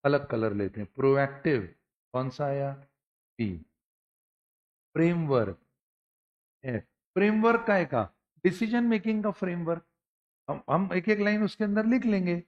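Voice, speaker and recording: A middle-aged man lectures his class in a lively, joking way, calling his students "beta". His voice sits fairly high. The recording sounds dull and lo-fi. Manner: animated, jokey, addresses students as beta. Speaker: teacher.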